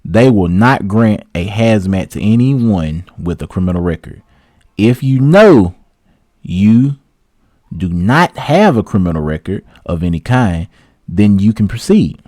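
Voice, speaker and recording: A young man, a truck driver giving relaxed, chatty career advice to viewers. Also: fairly low pitch, measured pace, dry recording, clean studio sound. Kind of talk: casual advice vlog with read-out tips.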